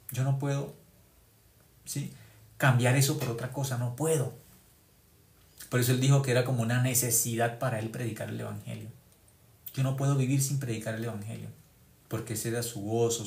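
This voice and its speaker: A male preacher delivers a sermon at a middle pitch, pressing hard on key phrases and repeating them. He keeps asking the congregation questions and answering them himself. The recording has a roomy echo around his voice.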